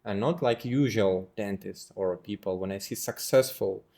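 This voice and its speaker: A man in his twenties interviewing a guest, asking long, rambling questions in non-native English with many pauses. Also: fairly low pitch, warm tone. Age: 20s.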